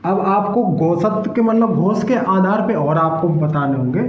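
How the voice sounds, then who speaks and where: A man's voice: high-pitched, unhurried, a little hiss or hum. A man teaching an exam-prep lesson. He checks often that students follow, repeats key terms, and sounds out syllables one by one. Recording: echoey dull room recording.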